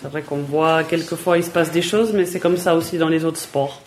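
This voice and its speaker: This Swiss footballer, a woman appearing as a guest, fields children's interview questions with plain, friendly replies, repeating words while she thinks. Her voice sits low and is somewhat mellow, brisk, with fairly even intonation and a touch of hiss or hum.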